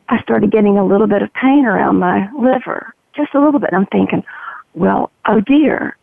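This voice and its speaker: Very gravelly, froggy-voiced woman on a phone line. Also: medium pitch, no echo. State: voice roughened by morphine. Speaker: interview guest. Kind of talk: personal account in an interview. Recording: narrow, tinny phone-line sound.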